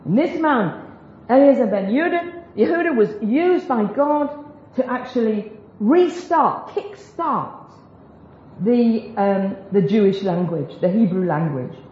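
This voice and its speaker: A woman teaches a group about biblical Hebrew in an informal Bible talk, chatty and self-deprecating with joking asides. Her voice is fairly high, animated, unhurried and mellow, captured in a roomy, dull lo-fi recording.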